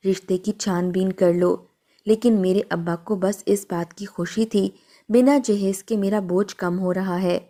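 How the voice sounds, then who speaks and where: A woman's voice: medium pitch, dark tone. A woman telling a sad first-person story in a somber, scripted narration.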